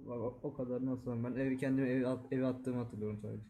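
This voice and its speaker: Fast-talking man with a dark voice. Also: mid-range voice, flat delivery. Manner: keeps asking "you get it?". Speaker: podcast co-host. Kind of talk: casual chat.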